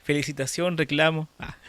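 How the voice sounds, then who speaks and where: A man's voice: a little high, normal speed, no echo. A Chilean man teaching an online church class. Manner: lively, demonstrative, talks directly to students. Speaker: church course instructor and moderator.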